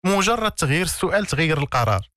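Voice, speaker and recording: Very fast and sharp-toned, a man's slightly high voice swings widely in pitch as he speaks with a Moroccan accent. He's an interview guest coaching on self-development in a conversational way, emphatic and didactic, leaning on repeated key words and rhetorical questions. The recording is clean studio sound without any room tone.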